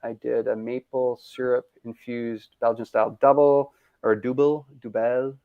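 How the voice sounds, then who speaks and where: A brewery founder chatting casually in an interview, upbeat and rambling, laughing often, over a video call. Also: male voice, mid-range voice, steady tone, moderate pace, creaky, no echo. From Canada. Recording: dull lo-fi video call audio.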